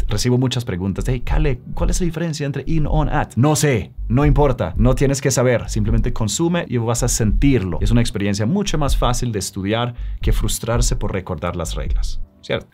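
A man from Sweden with an American accent in English, teaching English phrases step by step and exaggerating the pronunciation. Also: mid-range voice. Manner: lively, shifting pace between slow drills and quick asides. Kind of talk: bilingual language lesson.

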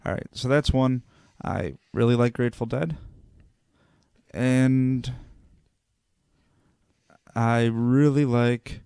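A man's voice: mid-range voice, slow, vocal fry, long pauses, mellow, clear, resonant tone, no echo, studio quality. A man co-hosting a podcast, chatting casually and hesitantly in a small room on a desk mic. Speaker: podcast co-host. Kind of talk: casual chat. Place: small room around a table. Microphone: desk mic on a boom.

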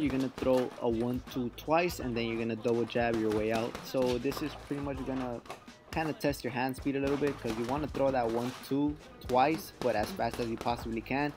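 A man giving a casual, explanatory instructional voice-over as the host of a boxing workout channel, addressing viewers informally. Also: mid-range voice.

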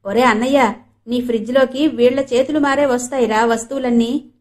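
A cheeky, easygoing young village man, full of banter, read by a woman narrator. His voice sits a touch high for a man. It comes from a storybook audiobook. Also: fairly even intonation, fairly quick, natural voice. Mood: teasing.

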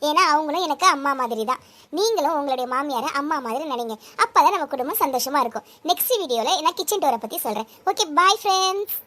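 A woman's voice: high-pitched, expressive, fast, fairly bright tone, pitched below the performer's own voice. A woman playing a young daughter-in-law who is filming a vlog and talks back to her mother-in-law in a comedy sketch. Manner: sugary to the camera, defensive. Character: young vlogging daughter-in-law, sweet then snippy. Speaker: vlogger.

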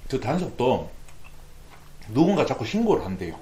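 A man talks with his mouth full of food as he hosts an eating show, chatty and quick to ask questions. His pitch moves around a lot, and the room gives his voice an echo. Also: sing-song, a crowd in the background. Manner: chatty, asks questions, laughs easily. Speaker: mukbang show host. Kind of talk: casual chat while eating. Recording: roomy echo.

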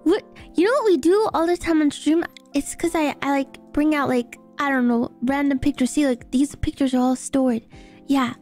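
A woman's voice: high voice, normal speed, darkish tone, soft background music. A woman livestreamer chatting casually with her viewers in a giggly, playful manner.

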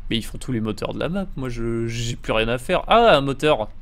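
A man's voice: medium pitch, animated, a little fast. A man commenting his own video game session in a playful, joking way, slipping into silly put-on accents. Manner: jokey, trying silly accents. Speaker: gamer streamer.

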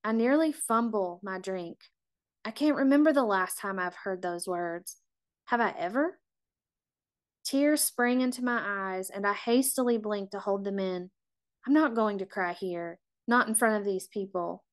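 A middle-aged woman reading her own memoir aloud in a measured, reflective and confessional way. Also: mid-range voice. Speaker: author.

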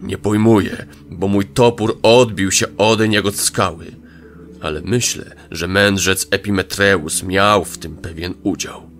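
A man voicing a fierce, proud male barbarian king in an audio drama, growling and booming. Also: steady tone, a little slow, fairly bright tone, faint music behind.

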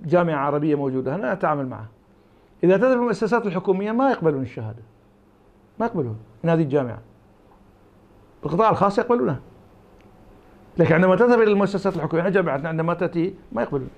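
A man's voice: a little high, animated, very fast, long pauses. A man from Iraq with an Iraqi Arabic accent, giving interview answers as an academic guest, arguing his point through imagined back-and-forth dialogues. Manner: argumentative, uses imagined dialogues.

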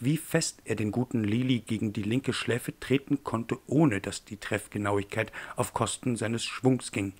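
Male audiobook narrator, low voice, measured and tense. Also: husky.

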